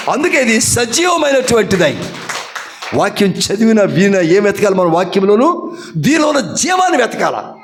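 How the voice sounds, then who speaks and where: Lively, high-voiced Telugu pastor preaching. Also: male voice. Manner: asks the congregation questions and answers them, with homely examples. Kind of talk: sermon.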